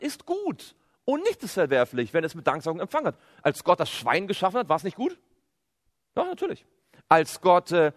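A man preaching a sermon, quoting scripture and firing off rhetorical questions that he answers himself. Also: on the high side. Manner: animated, asks rhetorical questions and answers them; quotes scripture. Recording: long hall reverb.

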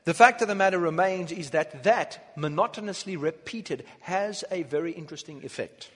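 Male lecturer, husky and a bit high, halting phrases for an interpreter; long hall echo. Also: lively intonation, fairly bright tone. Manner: speaks in short phrases, pausing for translation, counts beats aloud. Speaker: lecturer on music. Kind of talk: lecture given through an interpreter.

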